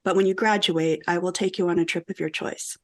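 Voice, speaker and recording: A middle-aged woman from the American Midwest, a guest author telling stories in a casual podcast conversation, animated and quick to laugh. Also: on the low side. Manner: animated storytelling, laughs often.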